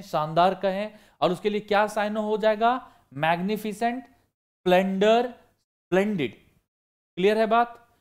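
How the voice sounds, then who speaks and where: In an online vocabulary lesson for exam prep, a man with a high-sitting voice poses questions to the class and answers them himself. He keeps repeating the key words as he goes.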